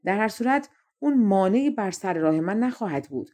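A woman voicing a spiteful, jealous young courtier who speaks slyly and flatters the king in a fairy-tale audiobook. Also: medium pitch, close to an everyday voice. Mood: scheming. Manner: sly, fawning toward the king.

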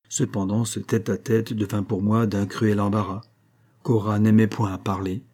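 A man reading a classic novel aloud as an audiobook, in a measured, earnest first-person storytelling manner. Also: fairly low pitch, mellow, breathy edge. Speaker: audiobook reader. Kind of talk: literary audiobook narration.

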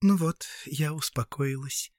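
A man voicing a gentle, tearful young woman who speaks softly and pleadingly in a hushed tone. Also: on the high side, unhurried, no room sound, studio quality, voice pushed up, lightly acted.

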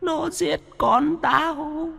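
A man voicing a vengeful old woman ghost in a slow, menacing, breathy whisper. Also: very high-pitched, pushed and bright, big-room sound, voice pushed up, full character voice.

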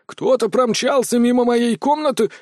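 An overeager young guard reports to his boss in a high, whiny voice, put on by a male audiobook narrator. It sits well above the narrator's own pitch. Recorded close and dry. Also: moderate pace, darkish tone, no room sound. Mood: eager. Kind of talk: audiobook character voice.

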